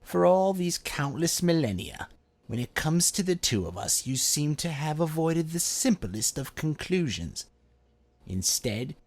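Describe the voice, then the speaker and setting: A scornful trickster god, voiced by a man, in a slow, gravelly drawl. His pitch rises and falls dramatically as he sneers with theatrical disdain in a voice-acting demo. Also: a little mellow, no room sound, heavily acted. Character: Loki, scornful menacing male trickster god.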